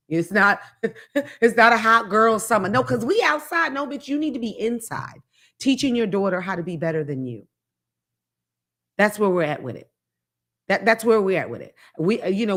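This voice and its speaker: A woman hosting a talk show, speaking in a blunt, profane, animated casual monologue. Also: mid-range voice. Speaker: podcast host.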